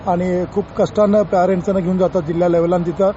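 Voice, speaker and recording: In this interview, a man who is a senior education official speaks informally and fast, sprinkling in plenty of English terms. His voice is high and warm but flat in delivery, and the recording sounds dull with faint noise behind it.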